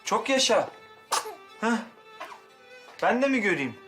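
An actor playing an earnest, caring young husband and father who speaks gently and attentively in a TV drama. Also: high-pitched, big pitch swings, slow, soft background music, full character voice. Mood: tender. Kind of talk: TV drama acting.

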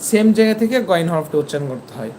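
A Quran teacher giving an online lesson, patiently explaining where each letter is pronounced and repeating the sounds slowly, over a video call. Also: mid-range voice, sing-song, darkish tone, slight background noise.

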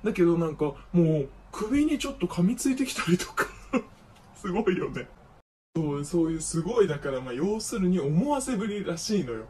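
Young male vlogger, high voice, campy animated gossip, set back from the mic with faint noise. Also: a little fast, distant mic. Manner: animated gossip with feminine speech style, acts out friends' lines. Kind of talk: casual storytelling monologue.

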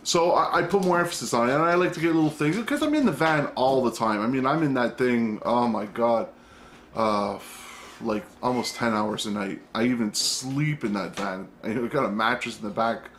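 Indoors at home, a middle-aged man hosting his own channel rambles to the camera, cutting himself off now and then and occasionally cursing. His medium-pitched voice is expressive and a bit bright, at a moderate pace, with a little hiss or hum in the recording.

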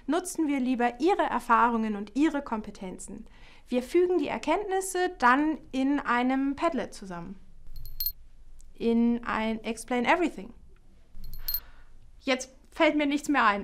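Lively middle-aged German professor, higher voice. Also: female voice. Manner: lively, standing and gesturing while talking. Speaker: art education professor, keynote speaker. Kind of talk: scripted video trailer, improvised storytelling.

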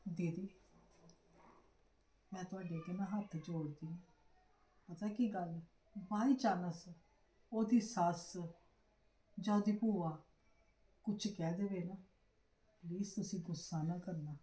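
A woman's voice: lowish voice, slow pace, long pauses, mellow, reverberant. A woman acting as a fretful mother in a family drama, pleading with her sister-in-law. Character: anxious, pleading mother of a married daughter.

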